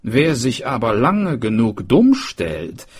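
A man voicing a worried, fussy village schoolmaster who speaks slowly and with a raised voice. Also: mid-range voice, big pitch swings, breathy edge, full character voice.

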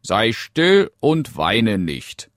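A man voicing a talking frog in a fairy tale, calling out in a high, loud, drawn-out voice. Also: huge pitch swings, no room sound, studio quality, exaggerated voice. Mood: coaxing. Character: pleading talking frog from a well, male.

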